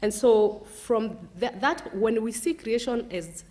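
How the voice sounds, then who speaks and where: A woman presenting a paper at a conference, speaking in a halting way with frequent restarts. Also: fairly high pitch, expressive, a little mellow. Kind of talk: academic presentation.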